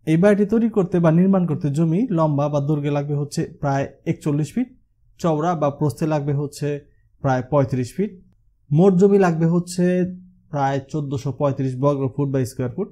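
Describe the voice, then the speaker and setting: With a quick pace and a dark tone in a voice on the high side, a Bangladeshi house designer guides viewers of his channel through a house plan shown as a 3D model. He leans heavily on the filler হচ্ছে.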